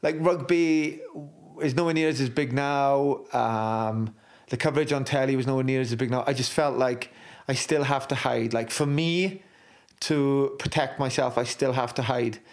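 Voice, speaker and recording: Talking frankly as an interview guest, a middle-aged man who used to play rugby swears freely and keeps restarting his sentences. His voice is medium-pitched and moves at a moderate pace in this candid conversation.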